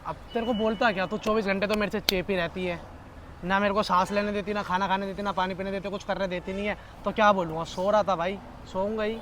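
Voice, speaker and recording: A man's voice: high-pitched, fairly even intonation, fairly bright tone, slight background noise. A young man in a casual prank vlog, arguing with his girlfriend in a teasing, pleading way. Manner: teasing, pleading, talks fast in Hindi slang.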